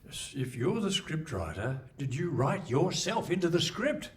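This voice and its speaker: A man plays the host in a live radio play, taking on a pompous, wry presenter character and bantering theatrically in a hall. His fairly high voice moves through big pitch swings at a slightly slow pace. The live hall adds faint noise.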